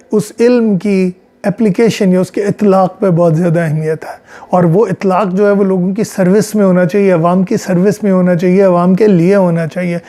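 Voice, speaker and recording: A man with a Pakistani Punjabi accent delivers a measured psychology lecture, slipping in English phrases as he explains. His voice sits high for a man but sounds dark and mellow. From central Punjab, Pakistan.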